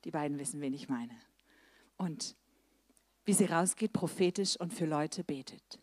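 A middle-aged woman evangelist preaching a lively sermon, swinging between loud emphasis and soft, low asides. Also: normal speed, no echo.

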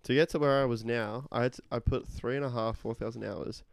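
A man's voice: mid-range voice, steady tone, fairly quick, vocal fry, no echo. A young man chatting casually about competitive gaming, brash and boastful, swearing freely. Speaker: competitive gamer. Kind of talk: casual chat.

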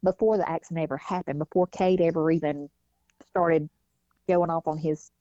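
A woman's voice: low-pitched, fairly even intonation, normal speed, warm tone, no room sound. A woman, a mother telling her family's story in a casual interview and acting out the voices of people she quotes. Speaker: guest, mother. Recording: dull lo-fi sound.

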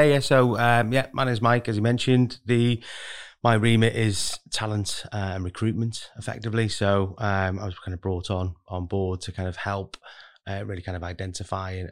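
A man speaking casually as a podcast guest, rambling and hedging as he explains himself. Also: low-pitched. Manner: rambling, heavily hedged with kind of and really. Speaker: podcast guest, recruitment manager. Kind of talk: casual interview talk.

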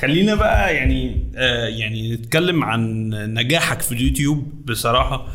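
A man's voice: medium pitch, animated, brisk, fairly bright tone, soft background music. An Egyptian man interviewing casually and unscripted, feeling his way hesitantly through his questions. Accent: Egyptian Arabic. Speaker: interviewer, host.

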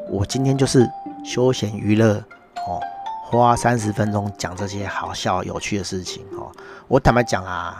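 A middle-aged man with a Taiwanese Mandarin accent, hosting a casual monologue and ranting with sarcastic, mocking asides. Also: on the low side. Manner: sarcastic, mocking rant with constant tag particles. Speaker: podcast host.

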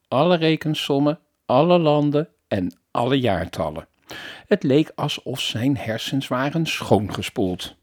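A man reading a children's story aloud in an expressive, animated storytelling manner. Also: mid-range voice, breathy edge.

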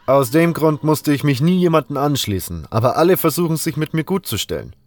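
Wolf, a calm friendly young hunter, as a man voices him. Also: fairly high pitch, brisk, soft background music, pitched above the performer's own voice, lightly acted. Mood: easygoing. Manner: calm, easygoing, matter-of-fact.

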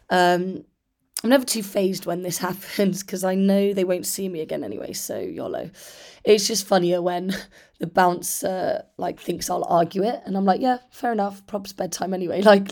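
A British woman in her thirties hosts a casual solo podcast in a slightly low voice. She sounds hoarse and rusty, as if her voice has partly gone. Her delivery is chatty and candid. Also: darkish tone. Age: 30s. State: hoarse after losing voice. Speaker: podcast host.

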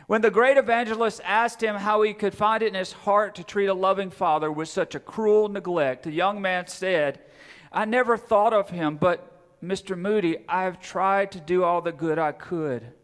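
A man's voice: high voice, fairly bright tone. A man preaching a sermon to his congregation, asking questions and repeating phrases for emphasis. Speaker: pastor. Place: church hall. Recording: long hall reverb.

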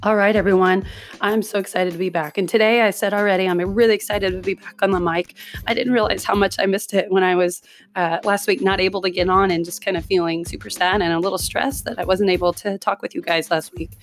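A woman in her forties hosting her own podcast, chatting casually and directly to her listeners with a hoarse, scratchy voice from a recent illness. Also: medium pitch, fairly even intonation, fast, faint music behind. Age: 40s. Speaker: podcast host. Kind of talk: casual solo podcast monologue.

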